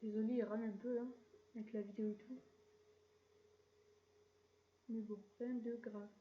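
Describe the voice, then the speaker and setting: A woman hosting a casual screen-recorded software tutorial, chatty and relaxed, with mild slang. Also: a little high, a little slow, muffled recording. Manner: chatty, relaxed, keeps saying "voilà" and drops mild slang. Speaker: tutorial channel host.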